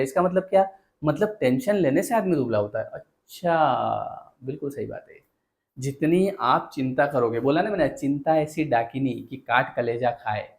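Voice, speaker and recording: A man's voice: a little high, darkish tone. A man giving a motivational talk as a speaker and counsellor. He speaks earnestly, asks rhetorical questions and addresses his listeners directly.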